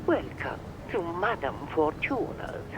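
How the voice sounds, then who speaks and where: A man's voice: a little high, big pitch swings, slow, very noisy. A man voicing a mysterious, foreboding fortune teller in a video game, with a dramatic, portentous delivery. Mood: mysterious, knowing.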